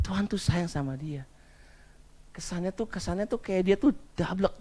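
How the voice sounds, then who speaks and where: A man's voice: high voice, moderate pace, a little mellow. Chatty man preaching a casual sermon. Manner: chatty, mixes in English phrases and slang, acts out his child's whining.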